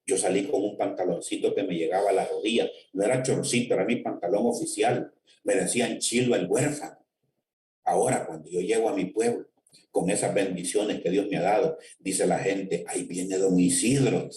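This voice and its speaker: A man's voice: sits low, normal speed, a little mellow, reverberant, distant mic, a little hiss or hum. A man with a Honduran accent giving a fervent testimony sermon online and speaking directly to his listeners. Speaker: lay preacher giving testimony. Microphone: connected online.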